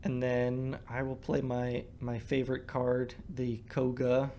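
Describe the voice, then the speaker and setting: A man's voice: medium pitch, monotone, a little slow, dark tone, slight background noise. Man musing aloud, full of fillers. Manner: thinks aloud with many fillers and restarts. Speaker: co-host discussing a card game. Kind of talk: casual gameplay commentary.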